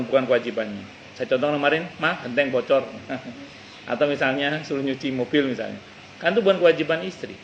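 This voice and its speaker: A man teaches a religious study circle in a gravelly, mid-pitched voice. He talks conversationally and restates each point. A faint hum of noise runs under the recording. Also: a bit bright, low-quality recording. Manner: conversational, repeats points, quotes Arabic verses. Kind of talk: mosque study-circle lecture. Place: cafe.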